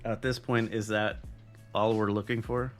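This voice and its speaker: A man's voice: fairly low pitch, little pitch movement, normal speed, soft background music. A man co-hosting a boxing podcast in loose, profane casual chat, laughing often. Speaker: podcast co-host.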